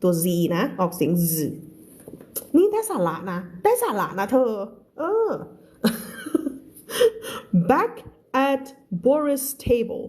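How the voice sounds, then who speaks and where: A woman from Thailand teaching English in a live reading lesson. She reads slowly and deliberately, repeats words as drills, and then switches to quick, chatty explanations with frequent laughs. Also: on the low side, huge pitch swings, warm tone.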